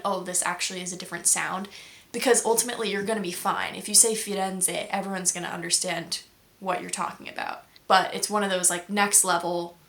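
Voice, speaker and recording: A woman's voice: mid-range voice, fairly bright tone. A woman who hosts a language-learning video channel, chatting casually and explaining patiently with many examples. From United States. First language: English.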